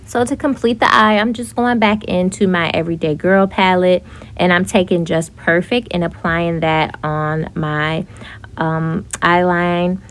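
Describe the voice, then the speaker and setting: A young woman narrating a casual makeup tutorial, chatty and relaxed, with frequent fillers. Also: lowish voice, a little slow. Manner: chatty, with frequent ums and likes. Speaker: beauty vlogger.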